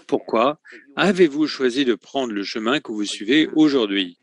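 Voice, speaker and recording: Acting as an interpreter, a man with a mid-range voice delivers a French voice-over of a conference talk. He speaks in a measured, steady way, though filler sounds and quick self-corrections creep in as he searches for the right word.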